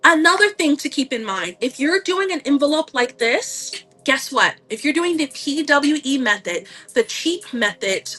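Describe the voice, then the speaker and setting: A woman hosting a live stream, giving chatty, animated selling tips and greeting viewers as she goes. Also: high voice, normal speed. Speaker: online seller hosting a livestream.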